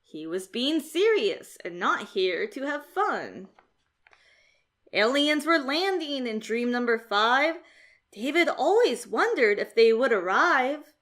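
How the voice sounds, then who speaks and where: In a high-pitched voice, a female narrator reads out a children's book told in rhyme. She keeps her reading measured while making it expressive and theatrical.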